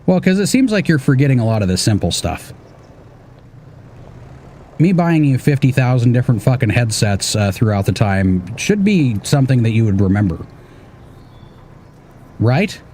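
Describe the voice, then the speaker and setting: A man's voice: mid-range voice, big pitch swings, moderate pace, pauses often, dark tone, slight background noise. A middle-aged man streaming a game, bantering with his kid in a teasing, exasperated way, swearing often. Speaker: gaming streamer and father.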